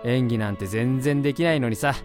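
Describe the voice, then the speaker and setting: Soft music plays as a young man acts an awkward university student in love who runs himself down, in a Japanese voice drama with narration. His medium, darkish voice comes a little fast and natural, hesitant, blunt and earnest with a wistful mood.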